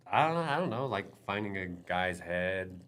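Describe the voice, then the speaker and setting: A man speaking as a podcast guest in casual chat, halting and trailing off with many fillers. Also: low-pitched, animated, a bit bright. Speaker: guest, veteran.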